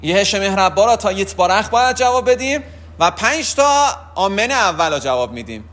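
High-voiced man teaching prayer rules. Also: sing-song, a bit bright. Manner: explanatory, asks and answers his own questions, frequent hesitations. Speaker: religious teacher. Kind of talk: spoken lesson on prayer rules.

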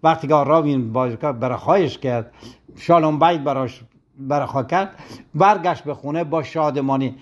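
A man's voice: on the high side, muffled recording. A man who teaches religion, telling a moral story in a sermon on a broadcast and acting out the quoted complaints.

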